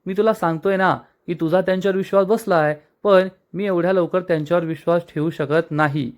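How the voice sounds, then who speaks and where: A man's voice: high voice, steady tone, a little fast, lightly acted. Man playing a wary, stubborn young husband. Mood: doubtful.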